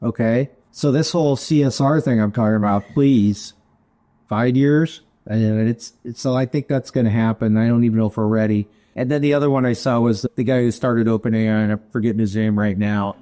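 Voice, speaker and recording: A man's voice: mid-range voice, brisk, mellow. A middle-aged man, a guest in an interview, answering casually with chatty stories and jokes at his own expense. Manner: chatty, storytelling, jokes at himself. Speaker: guest, information security executive.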